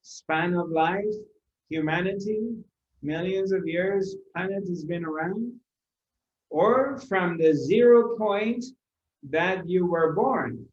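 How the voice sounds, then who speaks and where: A spiritual teacher addresses a seated live audience, talking very slowly in a slightly raised pitch. He lingers on phrases, repeats them, and keeps asking rhetorical questions. Room echo surrounds him in a roomy, somewhat dull recording.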